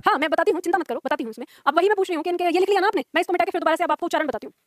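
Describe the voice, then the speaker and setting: A woman's voice: very high-pitched, very fast, no echo, clean studio sound. A young woman teaching a Hindi class, explaining pronunciation patiently, repeating points and drilling sounds aloud.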